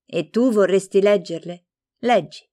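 A woman voicing a gentle, lonely young woman who answers softly and patiently in a storybook reading. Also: mid-range voice, measured pace, pitched above the performer's own voice, natural voice.

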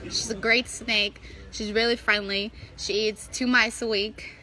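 A 21-year-old woman from New Jersey, a wrestler co-hosting a phone livestream, chats casually and playfully while reading out viewer comments in a small indoor room. Her slightly high voice is level and sharp in tone, a little slow. The phone camera is held close, and the recording is low quality.

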